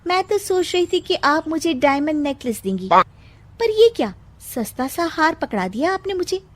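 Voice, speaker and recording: A woman voicing a bold, sharp-tongued young daughter-in-law in a cartoon, talking back with cheeky sarcasm. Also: high-pitched, very animated, moderate pace, no room sound, voice pushed up. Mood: sassy. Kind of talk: cartoon voice acting.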